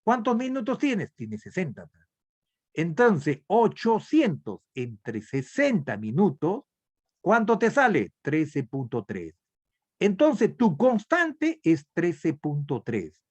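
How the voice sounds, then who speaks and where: Slow, lively Peruvian teacher on a video call. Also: male voice, high voice. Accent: Peruvian Spanish. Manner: asks questions and answers them himself, step by step. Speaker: nursing instructor. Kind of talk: online class lecture.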